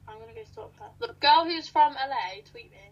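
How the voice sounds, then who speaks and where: A woman's voice: sits high, big pitch swings, a little fast, creaky, lo-fi sound. Playful young woman on a webcam stream. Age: young adult. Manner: playful, teasing, laughs often. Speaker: livestream co-host. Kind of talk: casual livestream chat. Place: small indoor room. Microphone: webcam at desk.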